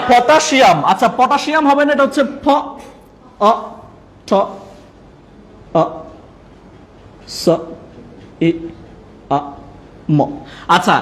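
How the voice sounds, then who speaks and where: A man's voice: very high-pitched, a bit bright. A man with a Bangladeshi Bengali accent teaches a room of teachers, drilling them with call-and-response questions and joking with them. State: sweating. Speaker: teacher trainer. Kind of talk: classroom teaching. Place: training classroom.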